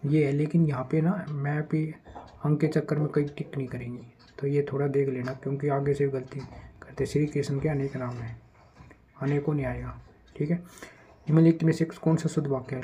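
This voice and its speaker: A man with a mellow, warm voice teaches an exam-prep grammar lesson in a relaxed, conversational way. He reads each test sentence slowly, then picks up speed to warn about common traps. A faint hiss of noise sits under the recording. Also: medium pitch, rough recording.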